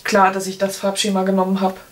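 A beauty vlogger in her thirties chats casually to camera in a product review, tossing in playful colloquial asides. Her mid-range voice is monotone and she talks fast. The recording, made in a small room at home, has clear background noise and clicks.

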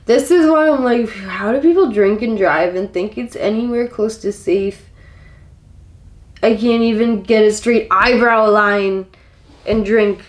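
A makeup vlogger in her twenties, drunk and giggly, rambles casually to the camera while doing her makeup in a small home kitchen. She speaks unhurriedly at a medium pitch. The camera mic sits a step or two away in an echoey room.

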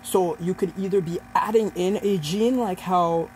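This young adult man speaks at a normal pace in a high-pitched, darkish voice. He's giving a hesitant, informal student presentation that explains ideas as he figures them out, and the rough recording has slight background noise.

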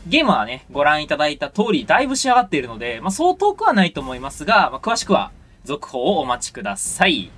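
A man's voice: on the high side, fast talker, few pauses. Chatty man commenting on a game. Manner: relaxed, chatty reactions. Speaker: game video host. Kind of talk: casual gameplay commentary.

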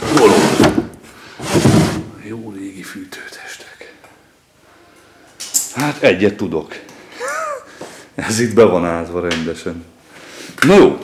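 Low-voiced dad exploring a ruin. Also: male voice, heavy background noise. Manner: curious, chatty running commentary with exclamations. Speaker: father exploring with his kids. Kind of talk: casual exploring vlog. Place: abandoned building, indoors.

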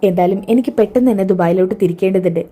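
A woman's voice: mid-range voice, rapid-fire, warm tone, slightly rough, natural voice. A woman voicing a determined young woman who speaks firmly and resolutely. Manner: firm, resolute.

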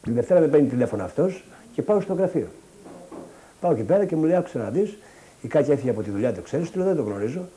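A family member recounting events in an agitated way, quoting what others said. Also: male voice, a little high, very animated, dark tone.

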